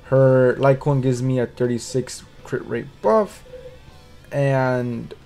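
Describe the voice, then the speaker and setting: Man, casual game commentary, stammers and restarts, swears offhandedly, mid-pitched voice. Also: creaky, warm tone. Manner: rambling, stuttering restarts, casual swearing, frequent "right?".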